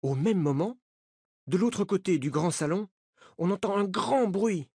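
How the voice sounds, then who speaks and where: A narrator reading a novel aloud in a slow, clear, learner-paced way. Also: medium pitch, expressive, warm tone, no room sound, studio quality. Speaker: audiobook narrator. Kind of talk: scripted narration of a graded-reader novel.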